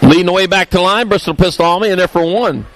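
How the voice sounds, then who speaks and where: A man's voice: sits high, rough recording. A man announcing a live race, rattling off rider names and results and tossing in jokey asides. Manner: jokey asides between rapid rider call-outs.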